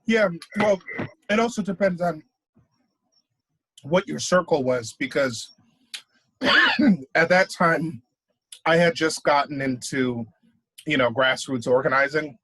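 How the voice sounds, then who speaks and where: A man talking casually in an interview, relaxed and using many fillers. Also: fairly high pitch, takes it slowly, pauses often, husky, dry recording, poor audio. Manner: relaxed, filler-heavy speech. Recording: dry, close sound.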